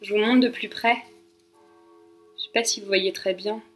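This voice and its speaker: A woman's voice: medium pitch, steady tone, normal speed. A young woman from France chatting casually to camera, enthusiastic and full of fillers and asides. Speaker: vlogger. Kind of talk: casual chat. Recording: echoey room with faint music.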